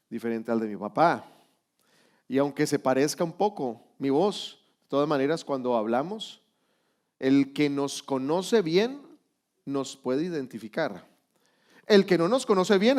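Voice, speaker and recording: A male pastor delivering a Sunday school sermon in a fairly high voice. He builds to loud, emphatic peaks, then falls back to hushed asides. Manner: preaching with rising emphasis and quiet asides.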